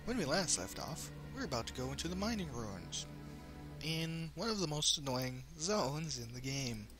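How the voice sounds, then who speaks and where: A man's voice: on the high side, very animated, moderate pace, over music. A man hosting a let's play with casual, wry commentary that rambles into asides. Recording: home commentary with faint noise.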